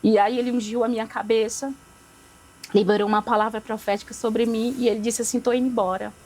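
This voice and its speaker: A woman's voice: fairly high pitch, little pitch movement, brisk, darkish tone, rough recording. A young woman giving a religious testimony as a podcast guest, repeating phrases for emphasis and acting out the dialogue she recalls.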